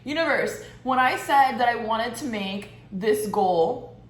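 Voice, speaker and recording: A woman's voice: fairly high pitch, lively intonation, slow. A young woman vlogger telling a story in a casual monologue, candid and blunt, with profanity and sarcastic asides. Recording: echoey room with faint ambient noise.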